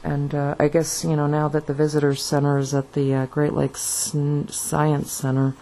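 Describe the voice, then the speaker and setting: A woman's voice: sits low, monotone, mellow, slight background noise, poor audio. A woman vlogging alone in a rambling monologue with lots of fillers and restarts, still in her morning voice. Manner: halting, many fillers and restarts. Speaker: video blogger.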